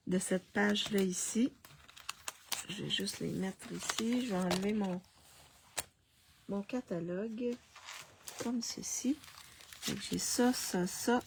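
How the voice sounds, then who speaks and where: A woman, hosting a live card-making demonstration, talking slowly with many restarts and coughing through a frog in her throat. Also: medium pitch, background noise. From Canada. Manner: slow, halting, with many restarts and fillers. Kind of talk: casual live craft demonstration.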